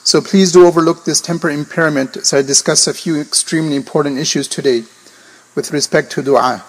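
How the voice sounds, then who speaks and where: A man preaching formally and emphatically to a congregation, his voice coarse, gravelly and hoarse from a sore throat, restating points in synonyms. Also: on the high side, fairly even intonation, fairly quick, low-quality recording. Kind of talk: sermon to a congregation.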